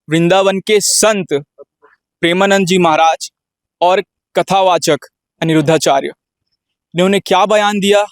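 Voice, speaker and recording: Male panel host, slightly higher voice, dry studio sound, moderates with short acknowledgments. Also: no echo.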